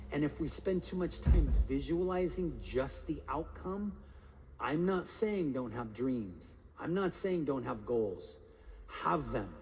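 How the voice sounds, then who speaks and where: Guy doing a motivational keynote live, kinda high voice, big echoey hall, keeps throwing questions at the crowd. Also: gravelly, slight background noise. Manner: animated, quizzes the crowd with questions. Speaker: motivational speaker. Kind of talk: live keynote talk to an audience. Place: large conference hall. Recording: live hall with long reverb.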